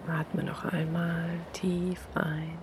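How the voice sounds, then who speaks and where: A woman leading a guided meditation like a sleep story narrator, hushed and soothing in a near-whisper with long pauses. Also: fairly low pitch, flat delivery, background noise.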